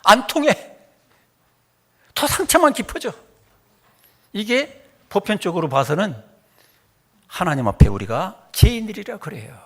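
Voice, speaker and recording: A man's voice: high voice, a little slow, pauses often, breathy edge. A middle-aged male pastor delivering a sermon, telling humorous stories and acting out quoted dialogue. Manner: animated, humorous storytelling with acted dialect quotes.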